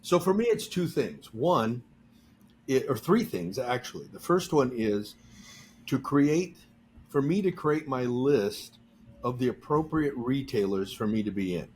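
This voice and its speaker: A man's voice: medium pitch, big pitch swings, unhurried, a little hiss or hum. A man hosting a podcast, talking in a casual, joking and explanatory way. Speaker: podcast host.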